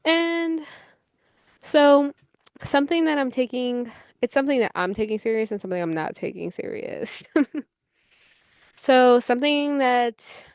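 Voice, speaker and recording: A woman's voice: high voice, a little slow, long pauses, clear, resonant tone, no echo. Blunt, profane woman podcast host. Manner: scolds listeners and people directly. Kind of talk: casual solo podcast commentary.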